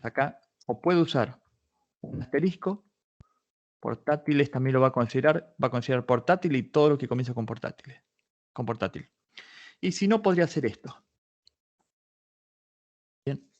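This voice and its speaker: A man's voice: medium pitch, expressive, normal speed, long pauses, muffled recording. A man in a workshop, walking listeners step by step through a database search, thinking aloud and correcting himself as he goes. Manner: explains step by step, thinking aloud with many restarts. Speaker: workshop instructor. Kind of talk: live online patent search tutorial.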